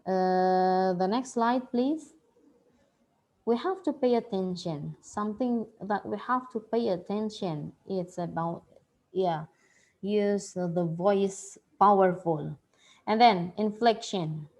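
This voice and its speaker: A woman leads a slide-based workshop at a slow, unhurried pace. Her pitch sits in the middle range, and she pauses often, filling the gaps with "uh" and a repeated "yeah" as she works through each point. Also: darkish tone. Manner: hesitant, many fillers and repeated "yeah". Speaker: workshop presenter.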